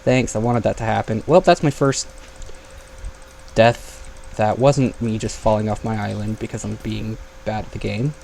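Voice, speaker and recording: A man's voice: on the low side, steady tone, normal speed, vocal fry, a little mellow, a little hiss or hum. Young man rambling over gameplay. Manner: chatty, thinking aloud, sudden yelps. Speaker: gaming YouTuber. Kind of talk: casual gameplay commentary.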